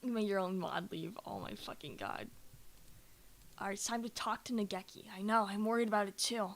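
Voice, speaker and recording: A woman streamer telling an animated story between game lines, laughing often, swearing freely and talking back to her chat. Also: mid-range voice, brisk, vocal fry. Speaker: streamer playing a visual novel.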